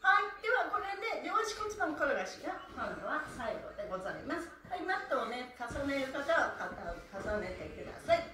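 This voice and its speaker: A middle-aged Japanese woman cheerfully chants counts and instructions for a live-streamed stretching class, her high voice very animated, a bit fast and nearly pause-free. The phone camera is a few meters away in a small, echoey indoor room, and background noise is audible.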